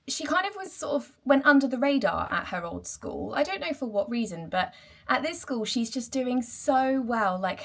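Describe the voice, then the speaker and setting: A woman in her thirties, chatting casually to camera while she tidies her home, upbeat, with quiet asides now and then. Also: on the high side, gravelly. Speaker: vlogger. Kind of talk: casual chat while tidying. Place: home, moving between rooms. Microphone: handheld camera.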